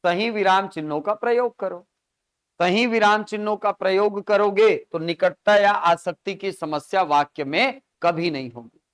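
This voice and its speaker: A man's voice: sits high, moderate pace, smooth, no echo, studio quality. A man teaching grammar in a live coaching class, explaining through examples and constantly checking in with his students.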